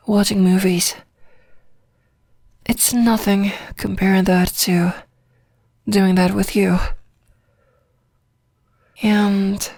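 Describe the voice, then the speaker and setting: Woman for ASMR role-play, sleepy long-distance girlfriend: tender, drowsy, rambling, flat gentle intonation, very dry close sound. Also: mid-range voice, dry recording. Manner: soft, drowsy, intimate, rambling with pauses.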